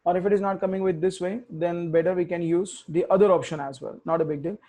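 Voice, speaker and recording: A man's voice: sits high, steady tone, quick pace, warm tone. Self-correcting man muttering through a tutorial. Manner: thinks aloud, self-correcting, mutters while typing. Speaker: tech instructor. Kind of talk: live coding tutorial.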